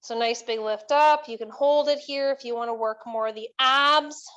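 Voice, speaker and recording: A woman's voice: on the high side, normal speed, fairly bright tone, lo-fi sound. A woman coaching a workout as an aerobics instructor, cueing moves and counts in an encouraging, instructional way. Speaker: fitness instructor leading a workout.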